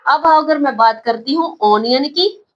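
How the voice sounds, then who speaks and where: On a muffled recording, a woman with a Pakistani accent teaches English pronunciation in a classroom-style lesson. Her voice is high-pitched and unhurried, and she patiently repeats words and asks her students questions back.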